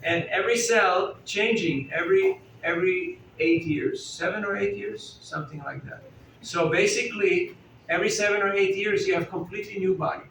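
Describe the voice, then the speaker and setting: High-pitched, fairly bright, and at a normal speed, this spiritual teacher's voice carries through an indoor festival hall as he gives a conversational sermon. He asks the live audience questions and jokes often, captured by a distant mic amid echo and faint background noise.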